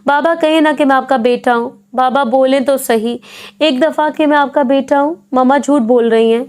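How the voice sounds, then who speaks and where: A woman's voice: high-pitched, steady tone, a little mellow, smooth, close to an everyday voice. A woman voicing a heartbroken grown son in a storybook reading, repeating his pleas. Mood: pleading.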